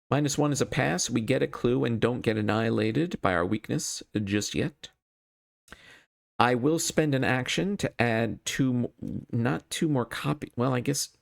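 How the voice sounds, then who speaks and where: A man's voice: medium pitch, creaky. A man thinking aloud as he hosts a solo card game playthrough, casual and wryly self-deprecating.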